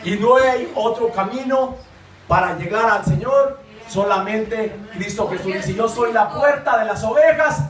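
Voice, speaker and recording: A man preaching a fervent sermon in church, often shouting and repeating phrases. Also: sits high, measured pace, recorded from a distance. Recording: echoey hall, voice from off the mic.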